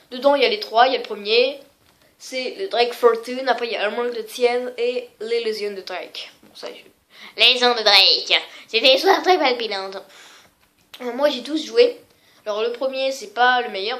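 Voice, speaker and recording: Une femme qui présente ses jeux vidéo sur un ton décontracté, en hésitant souvent et en se moquant d'elle-même. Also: female voice, fairly high pitch, fairly bright tone. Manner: rambling, many fillers and self-mocking asides. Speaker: gaming vlogger. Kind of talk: casual video game showcase.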